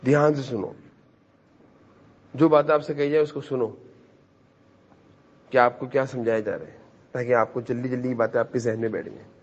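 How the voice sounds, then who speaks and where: A man's voice: medium pitch, fairly even intonation, long pauses, highs cut off. A man teaching a class of children in a madrasa, who repeats his points and keeps quizzing the kids to answer. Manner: repetitive, questions the children and urges them to answer.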